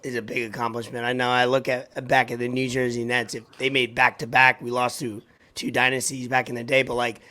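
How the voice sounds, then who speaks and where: A man in his thirties with a raspy, hoarse voice, hosting a sports podcast in a halting, informal chat. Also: mid-range voice, little pitch movement, pushed and bright. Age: 30s. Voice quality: raspy, worn voice. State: hoarse from partying.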